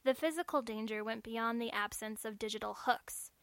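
A woman narrating a story in a measured, clear storytelling manner. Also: fairly high pitch, fairly bright tone, no room sound.

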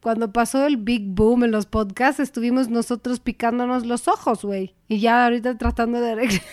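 Una mujer de unos treinta años con acento mexicano, copresentadora de un pódcast, charlando con soltura, entre risas y mucha jerga. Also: female voice, on the high side, fairly even intonation, brisk, darkish tone. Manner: slangy, laughing, acts out quotes. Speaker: podcast co-host. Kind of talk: casual chat.

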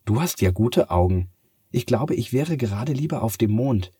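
A man's voice: medium pitch, expressive, normal speed, warm tone, husky, no room sound, clean studio sound, voice pushed up. A man voicing a sleepless, stubborn young girl in a bedtime story, asking doubtful questions.

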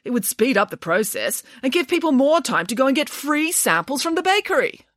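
A brash, greedy nanny, as a woman reading aloud puts her on, talking in a haughty, scornful way. Her voice sits a little high and swings widely in pitch. The sound is dry and close. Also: big pitch swings, fairly quick, a bit bright, no echo, exaggerated voice. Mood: imperious. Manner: haughty, indignant, grandly scornful. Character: brash greedy self-assured nanny, female adult.

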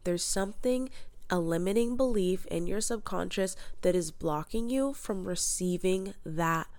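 Stuffed up with a head cold, a young adult mindset coach still delivers her solo podcast in an upbeat, motivational way. Her voice is fairly low with a darkish tone and a measured pace, recorded with no echo.

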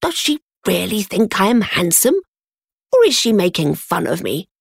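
A woman's voice: medium pitch, big pitch swings, moderate pace, creaky, slightly rough, dry recording, studio quality, heavily acted. A woman doing a stammering, flustered young man. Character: clumsy, vain, nervous rich young man.

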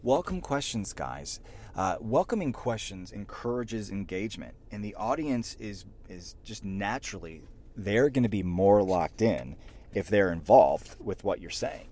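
Deep-voiced man coaching presentation skills. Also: measured pace. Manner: energetic, many restarts, punches the last word. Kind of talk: casual instructional talk.

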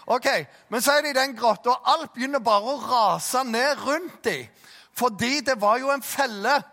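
A man with a Jæren accent preaching a sermon, animated, telling stories and acting out voices. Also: sits high. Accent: Jæren Norwegian. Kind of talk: sermon with storytelling. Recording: long reverb of a large hall.

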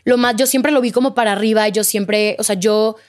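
A woman's voice: on the high side, fairly quick. A young woman, telling a personal story in casual chat, full of fillers and quoted dialogue. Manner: animated, quotes others, many fillers like "de que" and "o sea". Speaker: podcast guest.

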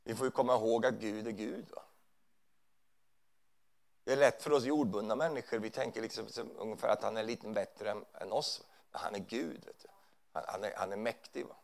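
The preacher's voice is lowish and gravelly. In a church hall, he gives a conversational sermon, often using tag questions to check in with those listening.

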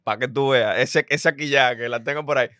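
A man's voice: mid-range voice, fairly quick, bright, forceful tone, dry recording, studio quality. A man with a Dominican accent hosting a casual podcast chat, telling stories and laughing often. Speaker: podcast host.

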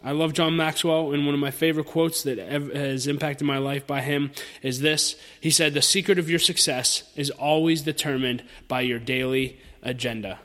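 With a steady, fairly bright voice on the high side, the man delivers his solo podcast at normal speed from a large hall. He's thirty, and he addresses listeners informally and earnestly, teaching in an encouraging, conversational style.

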